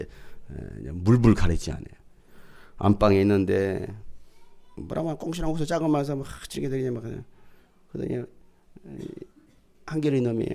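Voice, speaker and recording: A middle-aged man preaching a sermon as pastor, swinging from loud proclaiming to hushed storytelling. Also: medium pitch, gravelly.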